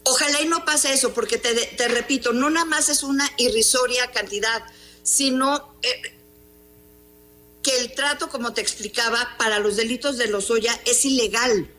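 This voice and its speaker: A woman's voice: fairly high pitch, normal speed, bright, forceful tone, a little hiss or hum. A middle-aged woman journalist with a Mexican accent, giving an emphatic, indignant interview and asking rhetorical questions. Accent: Mexican Spanish. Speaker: journalist and columnist. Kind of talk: interview on news program.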